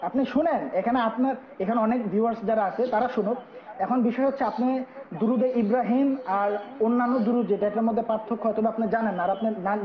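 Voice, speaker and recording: A man hosting a heated online religious debate, correcting his guest and asking to finish his point. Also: extremely high pitch. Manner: corrective, repeatedly asks to finish. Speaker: host of religious debate stream. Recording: muffled, roomy live-stream audio.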